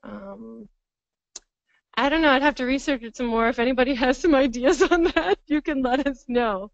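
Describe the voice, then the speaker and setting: Woman workshop presenter, higher voice, reflective and laughing, dull dry recording. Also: normal speed, gravelly, no room sound. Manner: warm, reflective, laughs often, thinks aloud. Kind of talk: live workshop teaching. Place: training room with live audience.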